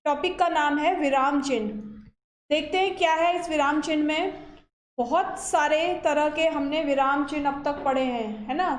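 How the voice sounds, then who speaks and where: High-voiced woman teaching in an echoey room. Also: fairly even intonation, moderate pace. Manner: explains step by step, often checks in with "है ना" and "ठीक है". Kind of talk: classroom lecture on grammar.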